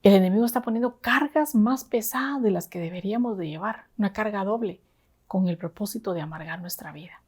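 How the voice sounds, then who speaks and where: A woman's voice: medium pitch, brisk, darkish tone, husky. Woman, sermon, earnest, conversational, asks rhetorical questions. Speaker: deaconess preaching to a women's service.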